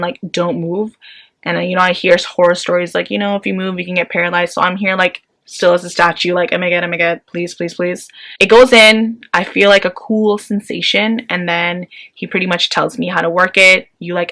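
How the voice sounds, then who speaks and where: A woman's voice: on the low side, little pitch movement, brisk, bright, forceful tone. A young woman telling a personal story to camera in a casual, chatty way, full of fillers. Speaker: vlogger.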